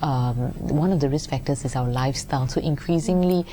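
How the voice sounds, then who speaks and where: A woman's voice: low voice, brisk, warm tone, a little hiss or hum. A woman from Singapore, a medical oncologist explaining things methodically as an interview guest. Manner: methodical, teacherly, frequent "so, for example" and "right?".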